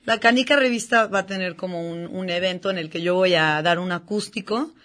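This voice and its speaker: A woman, a musician guest in a casual interview, relaxed and chatty with slang. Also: on the low side, fairly quick. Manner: relaxed, chatty, uses slang, restarts often.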